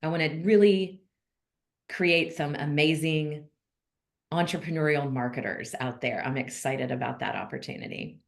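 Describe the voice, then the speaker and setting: A woman's voice: low voice, normal speed, vocal fry. A woman hosting a casual monthly video call for notaries, chatty and frank, with frequent ums.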